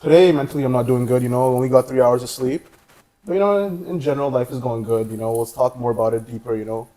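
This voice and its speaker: A man's voice: mid-range voice, quick pace, dark tone, poor audio. A young man as a podcast guest, rambling along and filling his talk with "you know". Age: young adult. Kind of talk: casual chat.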